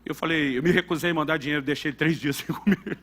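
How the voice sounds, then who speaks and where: A man's voice: on the high side, fairly even intonation, quick pace, fairly bright tone, a little hiss or hum. A middle-aged man with a Brazilian Portuguese accent, a pastor preaching a sermon and telling a family story with emphatic quoted dialogue.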